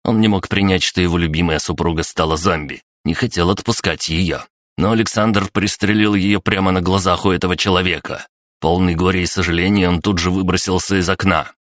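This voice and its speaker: A man's voice: low-pitched, fairly even intonation, a little fast, fairly bright tone, no room sound. A man voicing a scheming young male prodigy telling a grim story to a crowd. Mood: earnest.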